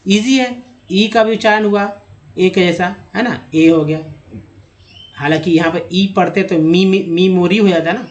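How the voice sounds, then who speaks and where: A man's voice: high voice, unhurried. A man teaching English pronunciation from slides, spelling out letters one by one and stopping to ask the viewer questions. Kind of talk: slide-based pronunciation lesson.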